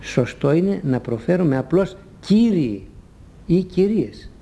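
Measured didactic man, mellow voice. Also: fairly high pitch, sing-song, gravelly. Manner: measured, didactic, spells out letters. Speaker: language teacher. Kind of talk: scripted talk on Greek usage.

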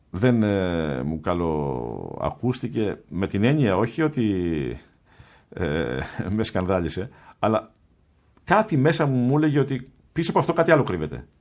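A man telling a personal story in an interview, soft-spoken, unhurried and reflective. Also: deep voice. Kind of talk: storytelling in conversation.

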